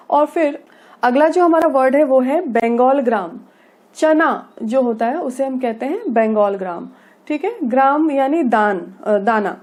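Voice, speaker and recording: Indian-accented female English trainer, patient classroom explainer, slightly high but mellow voice. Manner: explains patiently, often adding "ठीक है" and "okay" as check-ins. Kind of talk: classroom video lesson.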